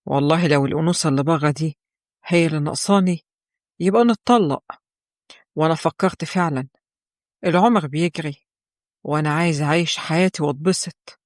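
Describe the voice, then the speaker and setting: A cold, contemptuous husband, played by a woman narrator in an Egyptian audio story, speaking low and flat. The voice stays even and disdainful, and the sound is dry and close. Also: a little fast, pauses often, no room sound, natural voice. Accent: Egyptian Arabic. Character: cold, scornful husband, adult man.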